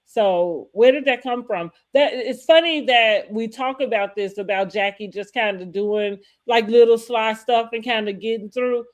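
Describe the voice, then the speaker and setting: High-voiced woman in rambling recap chat. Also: unhurried, hardly any pauses. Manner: rambling, often restating points mid-thought. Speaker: co-host of a reality TV recap show. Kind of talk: casual opinionated recap chat.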